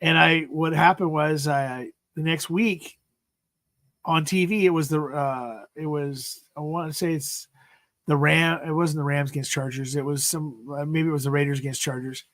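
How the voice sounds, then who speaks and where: A man in his fifties rambles through a casual sports chat, circling back and leaving sentences unfinished. His voice sits a little high for a man and comes across dry and close, with no room sound around it. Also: steady tone, moderate pace, fairly bright tone, dry recording. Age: 50s. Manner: rambling, repeats "freaking", trails off mid-sentence. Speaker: livestream host.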